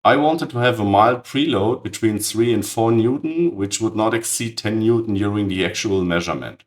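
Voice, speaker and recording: Hoarse man with a cold, lowish raspy voice, matter-of-fact technical narrator. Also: moderate pace. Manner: precise, matter-of-fact, blunt verdicts on tools. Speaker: channel host.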